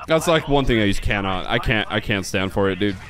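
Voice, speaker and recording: This young Swedish streamer, a native speaker of Swedish, has a lowish, expressive voice with a fairly bright tone and brisk pace. He chats straight to his viewers while playing, casual, blunt, and heavily profane.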